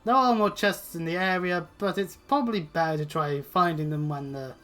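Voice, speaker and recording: A British let's player offers casual, rambling gameplay commentary packed with swearing and sarcasm, in a mid-range, somewhat bright voice at a moderate pace. Video game music plays behind him.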